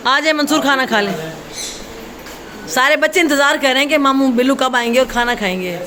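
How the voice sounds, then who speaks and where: Middle-aged Pakistani-accented woman host, high voice, chatty and teasing, family chatter around. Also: a little fast. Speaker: vlogger. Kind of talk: casual home vlog narration. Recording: busy home with crowd chatter.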